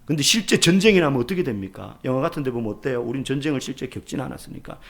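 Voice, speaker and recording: A man preaching a sermon as pastor, asking rhetorical questions and sometimes dropping to a soft near-whisper. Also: medium pitch, lively intonation, racing, vocal fry.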